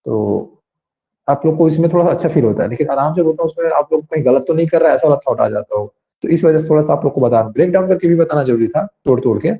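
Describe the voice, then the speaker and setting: A man's voice: fairly high pitch, lively intonation, creaky. Man teaching grammar, dull lo-fi sound. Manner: explains slowly, asks students to raise hands. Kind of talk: online class lesson.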